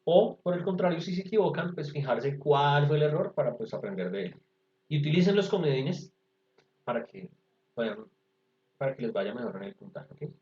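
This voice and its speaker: A man's voice: fairly high pitch, expressive, moderate pace, dark tone. A man teaching an English class over a video call, explaining patiently step by step. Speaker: English tutor. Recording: echoey, dull video-call audio.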